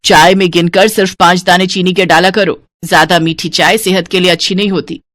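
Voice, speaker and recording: A woman's voice: on the low side, fairly even intonation, a little fast, a bit bright, dry recording, lightly acted. Woman voicing a stingy scheming mother-in-law. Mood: scolding. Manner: penny-pinching, scolding, bossy. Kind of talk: cartoon voice acting.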